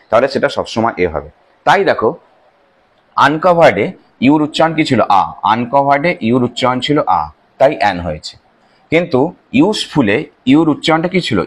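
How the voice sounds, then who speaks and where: Bengali man teaching English grammar. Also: mid-range voice. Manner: asks questions and answers them himself, repeats key phrases. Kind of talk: explaining lesson to students.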